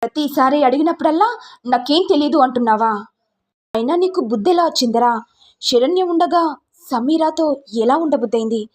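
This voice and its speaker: A stern mother-in-law who scolds her grown son with raised questions, read by a woman with a high voice. The tone is sharp and reproachful. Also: animated, normal speed, pauses often. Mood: scolding. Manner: scolding, then pleading.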